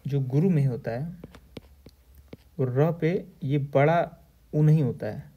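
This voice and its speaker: A male teacher going through exam questions, reading each answer option aloud slowly and then stating the correct one. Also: mid-range voice, dull audio. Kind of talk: exam question walkthrough lecture.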